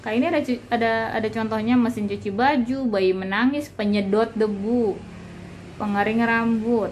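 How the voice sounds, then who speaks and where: Chatty Indonesian mom explaining a checklist. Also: female voice, on the high side, fairly even intonation, moderate pace, a little mellow, slight background noise. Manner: chatty, addresses viewers as "Mam". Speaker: parenting channel host. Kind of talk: casual tutorial explanation.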